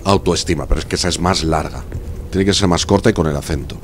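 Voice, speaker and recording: A deep-voiced man with a Spanish accent from Spain chats casually as he live-streams a game. He argues his points in a chatty way and reads out messages from viewers, with a faint hum in the background. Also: fast. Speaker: gaming streamer. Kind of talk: casual live-stream chat while playing.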